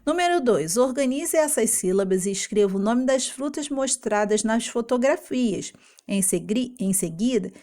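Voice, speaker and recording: A woman teacher with a Brazilian Portuguese accent talks young children through their homework. Her voice sits slightly high, and she speaks patiently and slowly, breaking words into syllables. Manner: patient, slow, sounds out syllables.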